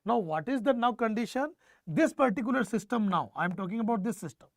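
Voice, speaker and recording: A man's voice: high voice, animated, fast talker, creaky, no echo. A man with a North Indian accent delivers an exam-prep lecture. He restates phrases for emphasis and keeps putting questions to his students. The sound is dry, with very little room in it. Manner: mixes Hindi phrases into English. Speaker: teacher.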